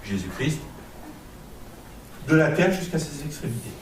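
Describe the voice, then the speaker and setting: A man's voice: a little high, animated, unhurried, roomy sound, far from the mic, slight background noise, low-quality recording. A man preaching a sermon with a Marseille accent, emphatic and rhetorical, repeating phrases and building to fervent peaks. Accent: Marseille French.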